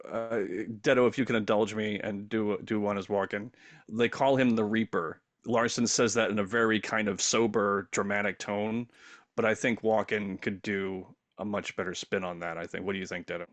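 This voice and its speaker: A man hosting a casual podcast who retells scenes in an animated way, chuckling between phrases. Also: fairly low pitch, moderate pace, no echo. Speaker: podcast host.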